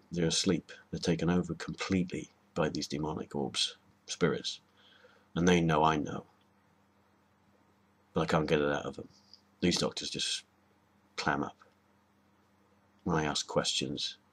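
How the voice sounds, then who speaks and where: A man's voice: rumbling low, fairly bright tone, slightly rough. A man talking in a rambling, hesitant way, with many ums and restarts, giving a casual spoken lesson to camera. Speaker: video host.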